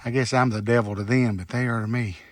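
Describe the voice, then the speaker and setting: Junkyard owner, out of breath, folksy vlogger, dry close outdoor sound. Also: male voice, medium pitch, steady tone, quick pace, no echo. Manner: folksy, talks to the wasps. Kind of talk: casual outdoor vlog.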